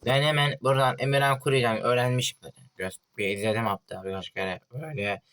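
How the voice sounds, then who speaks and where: A man casually narrating his own horror game play, excitable and jumpy, muttering and swearing at what happens on screen, recorded on a phone. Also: mid-range voice, quick pace, low-quality recording. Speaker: gaming channel host. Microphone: phone mic. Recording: loud background noise with clicks.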